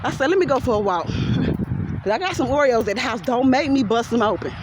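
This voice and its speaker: A woman's voice: a little high, animated, a little fast, background noise. A woman with a Southern US accent, venting animatedly to her followers in a walking vlog, laughing often and talking straight to the viewers. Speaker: vlogger. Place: outdoors walking by a pond.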